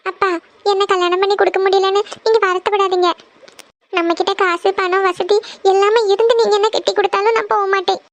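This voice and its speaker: A woman voicing a squeaky devoted cartoon daughter. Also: flat delivery, a little fast, no echo. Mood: pleading. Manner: insistent, tearful pleading. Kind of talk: cartoon family serial voice acting.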